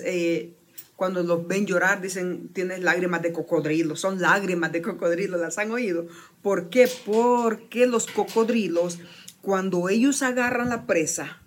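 Mujer de voz ronca que da una charla motivacional animada, con preguntas al público y frases que reinicia. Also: female voice, fairly low pitch. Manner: animated, with frequent restarts and rhetorical questions. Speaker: speaker giving a talk. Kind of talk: motivational talk to an audience.

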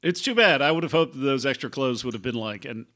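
Pitched in the middle and fairly bright, a man's voice moves with lively intonation as he improvises as game master in a tabletop RPG. His scene descriptions come out halting, and he keeps searching for words.

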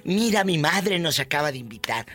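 A man's voice: fairly high pitch, lively intonation, normal speed, bright, forceful tone. A man hosting a call-in podcast from Mexico, chatting playfully and teasing his caller. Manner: playful, teasing, laughs often. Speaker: radio podcast host. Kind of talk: casual call-in chat.

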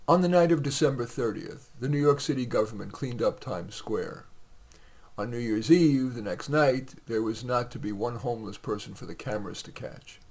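A man's voice: medium pitch, normal speed, a little mellow, husky. A man reading his own short stories aloud on a podcast, in a conversational way with occasional fillers.

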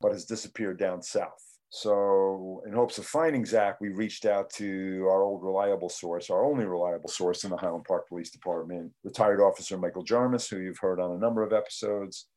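A man speaking as a podcast co-host over a slightly tinny video call, explaining things in a measured, conversational way. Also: low-pitched, fairly even intonation, warm tone. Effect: thin, tinny video-call sound. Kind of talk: conversational investigative podcast discussion.

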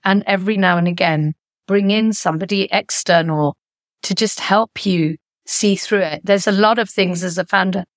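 A woman's voice: medium pitch, moderate pace, dry recording, clean studio sound. A middle-aged woman, a company founder and author, talking reflectively as a guest in an interview and coming alive as she tells stories. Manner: reflective, animated when retelling stories. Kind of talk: conversational interview.

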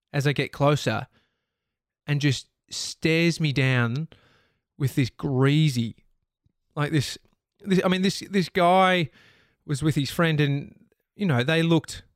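An Australian man with a voice on the high side hosts a podcast, telling a personal story in a candid, rambling monologue and swearing freely. The clean studio recording has no echo.

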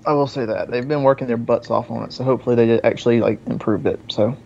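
A man's voice: medium pitch, fairly even intonation, fast talker, gravelly, a little mellow, muffled recording. A man in a casual chat, laid-back, dropping joking asides.

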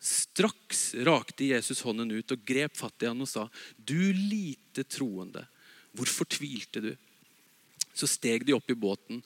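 A man with a high voice preaching a sermon in a lively way. He swings from loud emphasis down to quiet, low asides. His voice is recorded dry and close, with no room echo.

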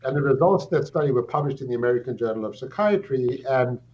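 Answering an interview question, a middle-aged South African psychiatrist speaking as a guest walks through his background in measured, considered speech full of pauses and restarts. His mid-range voice has lively intonation, and the lo-fi audio is dull, with a faint hum.

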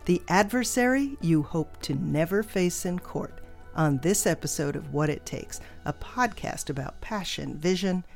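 Woman narrating a podcast over soft music. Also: lowish voice, expressive, a little slow, vocal fry. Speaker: podcast host. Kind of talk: scripted narration.

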